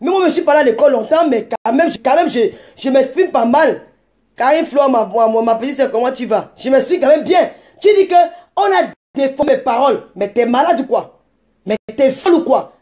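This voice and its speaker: High-voiced woman in her 40s ranting on a live stream, combative, rambles and yells at commenters. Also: lively intonation, fairly quick. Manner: combative, insulting, rambling, bursts into shouting.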